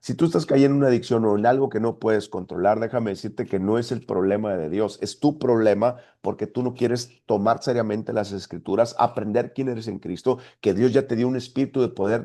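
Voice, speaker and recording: A man's voice: medium pitch, moderate pace, hardly any pauses, dark tone. A man preaching a sermon as pastor, emphatic and full of rhetorical questions. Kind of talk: sermon teaching.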